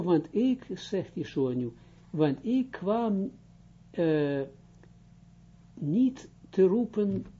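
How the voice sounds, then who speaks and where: A middle-aged man teaching a religious study lesson, slow and halting, with many restarts as he translates and explains. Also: high-pitched, dark tone. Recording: dull lo-fi recording.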